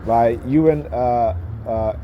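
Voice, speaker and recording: A man's voice: medium pitch, slow, dull audio, slight background noise. A man giving an informal, opinionated rant, emphatic and often checking in with short questions. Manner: emphatic, repeatedly punctuates points with check-in questions like "right?" and "okay?". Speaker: speaker giving commentary.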